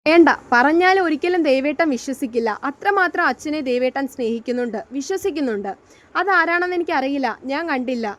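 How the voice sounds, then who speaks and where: A woman's voice: sits high, animated, brisk. A woman reading as Shiva, a fragile hurt young wife. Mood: hesitant.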